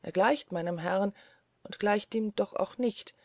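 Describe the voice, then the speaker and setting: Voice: medium pitch, a little slow, dry recording, lightly acted. A reader voicing a flustered male servant who answers hesitantly and stammers.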